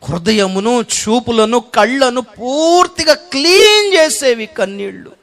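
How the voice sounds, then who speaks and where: A male pastor preaching in a high voice with a Telugu accent. He swings from loud, shouted cries down to hushed pleading, full of emotion. Now and then he drifts away from the mic. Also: animated, a little slow, vocal fry. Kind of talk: sermon.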